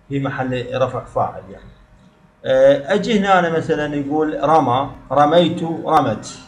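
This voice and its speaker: A man's voice: medium pitch, roomy sound. A man with an Iraqi Arabic accent teaching a grammar lesson, explaining step by step and repeating words for emphasis.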